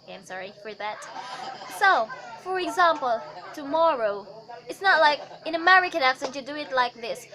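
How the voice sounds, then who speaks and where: A woman's voice: sits high, expressive, a little fast, crowd noise, poor audio. A young woman giving a casual vlog lesson on pronunciation, chatty, with many fillers and self-corrections. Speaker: accent tutor.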